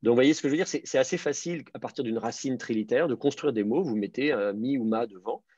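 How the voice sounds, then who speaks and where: A man's voice: medium pitch, fast, darkish tone, breathy edge, dry recording. A man teaching an online class, explaining step by step with many fillers and restarts. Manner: hesitant, many fillers and repeated words, patient explaining. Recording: dry, slightly dull lo-fi sound.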